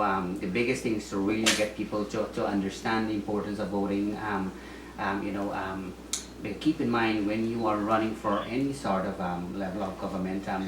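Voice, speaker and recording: A man from Guyana answering interview questions, speaking hesitantly with many ums and restarts. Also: on the low side. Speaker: interviewee, former mayoral candidate. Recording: roomy echo, distant mic, faint noise.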